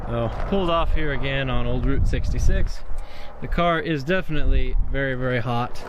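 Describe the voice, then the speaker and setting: A man's voice: medium pitch, normal speed, dull audio. A man chatting casually to the camera as he vlogs a road trip. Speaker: vlogger. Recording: very noisy outdoor vlog recording.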